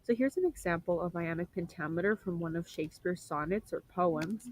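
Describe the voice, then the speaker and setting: A woman's voice: fairly low pitch, a little fast, poor audio. Young woman giving a class presentation. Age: young adult. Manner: explanatory, repeats and rephrases, frequent throat clearing. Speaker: student presenter.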